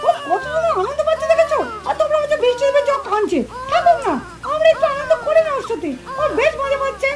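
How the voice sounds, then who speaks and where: A carefree boy doll from a puppet cartoon, played by a woman. He sounds cheeky and coaxing. The voice is extremely high. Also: expressive, fast, hardly any pauses.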